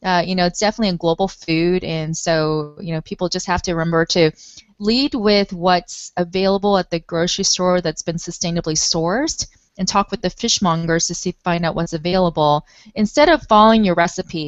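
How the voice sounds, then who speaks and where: A woman's voice: fairly low pitch, dry recording, muffled recording. A woman from Taiwan, a nonprofit spokesperson, talking earnestly in a panel discussion with many fillers.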